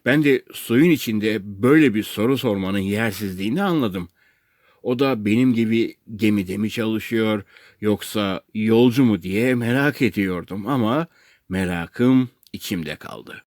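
A man narrating a comic story in the first person as an audiobook reader, with an expressive, playful telling. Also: lowish voice, measured pace, no echo, studio quality.

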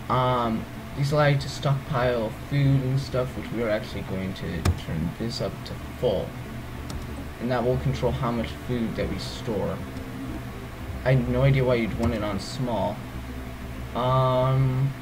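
With background noise behind him, a man with a groggy, mid-range voice takes viewers through the menus of a strategy game in a laid-back let's play. He hedges and meanders, correcting himself and filling gaps with plenty of ums.

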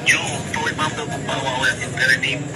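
A man's voice: medium pitch, little pitch movement, fast talker, music in the background. A man, arguing defensively and insistently on a recorded phone call. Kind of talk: heated phone argument.

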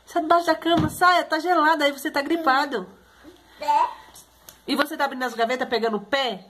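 A woman's voice: high voice, fairly even intonation, brisk, heavy background noise. A young mother with a Pernambuco Brazilian accent, talking to her toddlers in a playful sing-song baby-talk voice for a home vlog. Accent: Pernambuco Brazilian Portuguese. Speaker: mother of triplets, vlogger.

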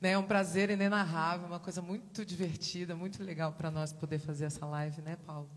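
A Brazilian singer with a Brazilian Portuguese accent, chatting quickly and warmly to her audience from an indoor stage microphone. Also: lowish voice, little pitch movement, long reverb tail. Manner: rapid, chatty and warm to the audience. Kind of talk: casual stage talk. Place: indoor stage with projected backdrop. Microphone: stand microphone.

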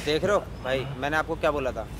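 A man's voice: a little high, quick pace, over music. A man angrily accusing a woman, repeating commands over and over, outdoors on a city street. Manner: aggressive, repetitive, commanding. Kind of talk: heated confrontation. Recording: clear street noise.

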